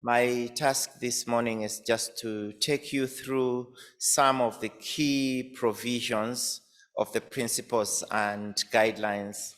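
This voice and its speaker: A Zambian man presenting as an academic speaks slowly in a medium-pitched, slightly bright voice with fairly even intonation, hesitating often with fillers and repeated words. He's in a reverberant conference hall and sometimes drifts off the mic.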